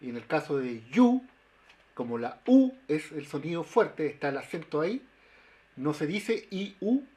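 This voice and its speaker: Halting linguist explaining sounds. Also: male voice, fairly high pitch, very animated, a little mellow. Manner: halting, many fillers and restarts. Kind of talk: webinar explanation. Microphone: video call.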